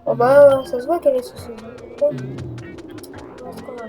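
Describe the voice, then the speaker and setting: High-voiced woman doing game commentary. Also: steady tone, a little slow. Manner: chatty, mocking the game text. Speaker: gamer playing a game on video. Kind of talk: casual let's play commentary. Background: game music.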